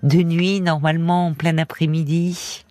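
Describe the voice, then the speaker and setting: Gentle radio host woman, dry studio. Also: sits low, flat delivery, a little slow, dry recording. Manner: gentle, encouraging, many soft affirmations. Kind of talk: late-night call-in radio.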